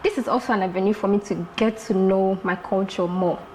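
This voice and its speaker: A woman from Lagos, Nigeria, a fashion designer talking as a guest in a casual interview, lively and repeating herself for emphasis. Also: mid-range voice, fairly quick, a little hiss or hum, rough recording.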